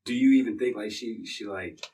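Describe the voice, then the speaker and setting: Lower-voiced man hosting a casual interview. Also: fairly quick, mellow. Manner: laid-back, mostly short agreeing backchannels. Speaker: interview host. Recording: distant mic with faint noise.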